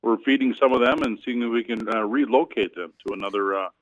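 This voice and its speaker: A man's voice: mid-range voice, fast talker, no room sound. A man joining a radio show over a phone line from a cabin in the woods, talking casually as a financial advisor and rambling with many hesitations. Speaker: financial advisor, regular guest. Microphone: phone or internet call.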